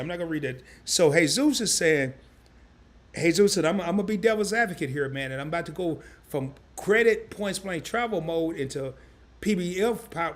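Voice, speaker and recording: A man hosting a casual live stream, animated and chatty, reading viewer comments aloud in loose slang. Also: fairly high pitch. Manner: animated, chatty, repeats himself.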